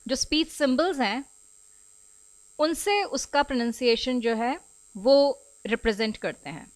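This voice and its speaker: A woman with an Indian English accent teaching in a recorded video lecture, explaining in Hindi and slow English with repetition. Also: sits high, animated, poor audio. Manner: switches between Hindi and slowly spoken English.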